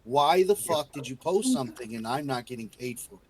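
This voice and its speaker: A man's voice: mid-range voice, lively intonation, a little fast. A man playing a tabletop game in character, brash, crude and confrontational. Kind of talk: in-character role-play.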